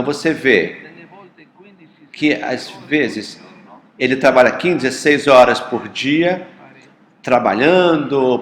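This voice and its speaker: A man speaking earnestly at a panel, halting at times and restarting his phrases. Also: medium pitch. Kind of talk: panel talk. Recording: roomy echo.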